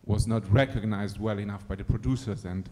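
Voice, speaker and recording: This is a screenwriter-director from Luxembourg, sitting in the audience and putting a question from the floor. He speaks fairly quickly in a lowish, mellow voice with fairly even intonation, thoughtfully and with lots of fillers. The hall adds reverb.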